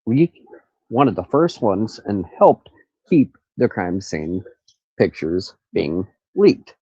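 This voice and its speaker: A man with a nasal voice on the low side, darkish with a breathy edge, hosts a rambling, casual true crime livestream from an outdoor carport in the country. He stops to look things up as crickets and cicadas chirp. The recording is dry and muffled.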